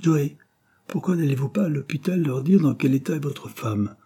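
A man's voice: a little high, animated, moderate pace, warm tone, slightly rough, voice pushed up. A man reading an audiobook, voicing an earnest young man who speaks reproachfully.

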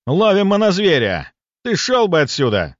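A man reading an audiobook voices rowdy male monster hunters who shout excitedly. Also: a little high, normal speed, no echo, voice pushed up. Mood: gruff, stubborn. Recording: dull lo-fi dry audiobook recording.

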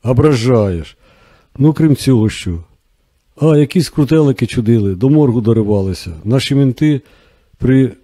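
A man reading an easygoing, joking male doctor colleague in an audiobook, with relaxed, breezy banter. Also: mid-range voice, normal speed, no echo, lightly acted.

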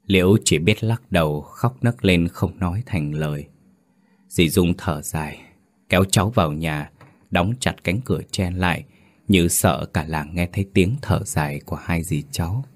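A man with a very deep, low voice narrates a scripted horror story. His delivery is measured and dramatic, unhurried through each phrase.

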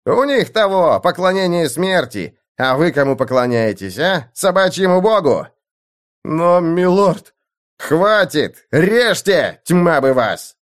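A brash young lord bellows at his underlings, cruel and gleeful by turns, as a man reads him in an audiobook. His pitch leaps wildly, rising high when he rages. It is a bullying, theatrical tone. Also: sing-song, unhurried. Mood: raging. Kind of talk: audiobook character voice.

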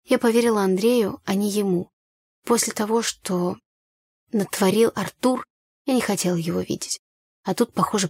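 Woman narrator, mid pitch, dry close recording, first-person audiobook read. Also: creaky, darkish tone, husky, no echo.

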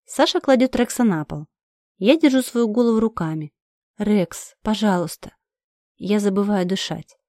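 A woman reads a first-person story in an urgent, emotional voice. Her pitch sits in the middle range for a woman. The recording is dry and close, with almost no room sound. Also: lively intonation, moderate pace, a little mellow, dry recording. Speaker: narrator. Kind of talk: first-person audiobook reading.

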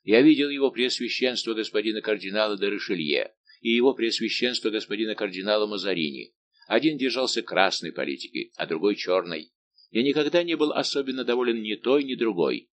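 A man voicing a big, good-natured, simple-minded old musketeer baron, talking slow and booming. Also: animated, slight background noise, lightly acted. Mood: grumbling.

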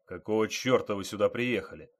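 A man's voice: lowish voice, brisk, lightly acted. A man voicing a stern male police major who barks brusque, scolding orders.

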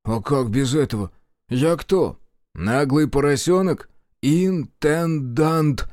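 A man voicing a sly, fussy, short army quartermaster who talks in an excitable, wheedling way. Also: medium pitch, a little slow, dry recording, studio quality, pitched above the performer's own voice, lightly acted.

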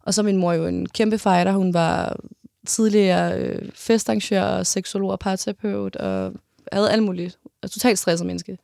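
A woman in her twenties telling a personal story in an interview, halting, with many restarts and pauses. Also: mid-range voice, steady tone, vocal fry, warm tone, dry recording, clean studio sound.

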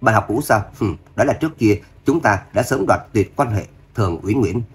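Hot-tempered young heroine, voiced by a male narrator; husky, low, fast. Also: expressive. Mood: furious. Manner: angry, panting. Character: fierce loyal young woman, hot-tempered.

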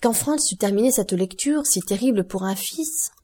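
A woman narrating an audiobook of a classic novel in a measured, expressive reading. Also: mid-range voice, breathy edge.

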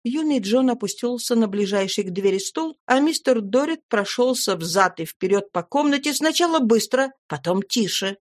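A woman reading a classic novel aloud in measured, expressive narration. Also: on the high side. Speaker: audiobook narrator. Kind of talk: scripted literary narration.

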